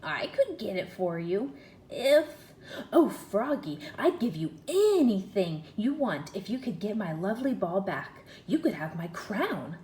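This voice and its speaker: A woman's voice: medium pitch, big pitch swings, a little slow, mellow, echoey room, slight background noise. A woman voicing a spoiled young princess who whines and demands in a storybook read-aloud. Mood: begging. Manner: whiny, demanding.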